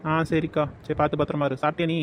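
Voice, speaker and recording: A man's voice: on the high side, little pitch movement, slight background noise, lightly acted. A man voicing a brash, pushy young village man in a cartoon, ordering people about. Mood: placating. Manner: bossy, rapid-fire demands. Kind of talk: dubbed cartoon dialogue.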